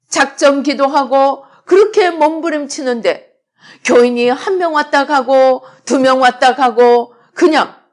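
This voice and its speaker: A middle-aged woman pastor preaching a sermon, swinging between loud emphatic lines and quiet asides. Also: high-pitched. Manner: acts out prayers and God's replies in quoted voices.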